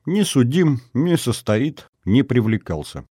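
A composed young female counterintelligence officer, measured and earnest, voiced by a man reading an audiobook. She sits a little higher than the reader's own dark voice. The sound is close and dry. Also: big pitch swings, breathy edge, no echo. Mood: calm.

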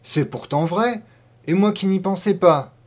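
A man's voice: a little high, normal speed, natural voice. A man voicing a talkative middle-aged peasant farm wife who speaks emphatically in a storybook reading. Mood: eager. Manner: emphatic, warming up, hesitant at first. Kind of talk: audiobook character voice.

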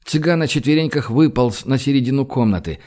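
A man narrating an audiobook in a measured, even storytelling voice, shifting his pitch for the characters' dialogue.

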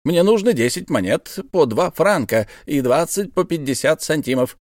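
An eccentric professor presses his demands in a raised, lively voice, as a man reads him. The delivery is insistent and emphatic, recorded dry as an audiobook part. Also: on the high side, moderate pace, dry recording, pitched above the performer's own voice, natural voice. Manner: insistent, triumphant. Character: eager, insistent male old professor. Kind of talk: audiobook character voice.

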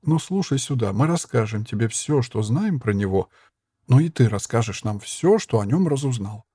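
A man voicing a firm, wary young woman who speaks in a stern low voice. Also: animated, normal speed, dark tone, slightly rough.

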